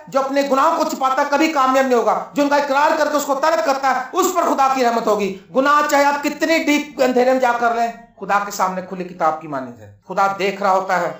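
High-voiced preacher man in an echoey church. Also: expressive, few pauses, fairly bright tone. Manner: storytelling preacher acting out dialogue. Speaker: pastor. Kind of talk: sermon.

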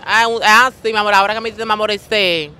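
Fast, bright-voiced Dominican woman. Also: mid-range voice, fairly even intonation. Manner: flamboyant, calls everyone "mi amor". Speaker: interviewee. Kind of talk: casual street interview.

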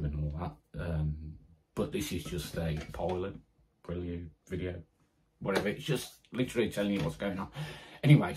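A man's voice: lowish voice, darkish tone. A middle-aged British man talking casually to camera about his airgun group, chatty and enthusiastic, with many fillers and restarts. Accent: British English. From United Kingdom. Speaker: airgun community group founder. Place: small indoor room with guns on the wall. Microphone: camera close in front.

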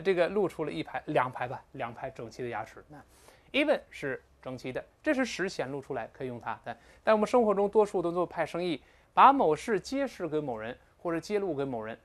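A man teaching English vocabulary in a lecture, speaking with animated interjections and slow, drawn-out pronunciation drills. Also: a little high.

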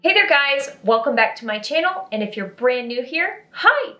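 A woman's voice: high-pitched, big pitch swings, moderate pace, loud music behind the voice. Bubbly woman in an echoey room. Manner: bubbly, giggly, self-deprecating. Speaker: hair care YouTuber. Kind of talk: chatty educational vlog.

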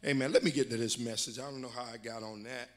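A man's voice: medium pitch, level tone, fast talker, fairly bright tone. Older male preacher, folksy and emphatic. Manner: folksy preaching with constant amens, building to emphatic exhortation. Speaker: bishop and pastor. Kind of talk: sermon. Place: church sanctuary.

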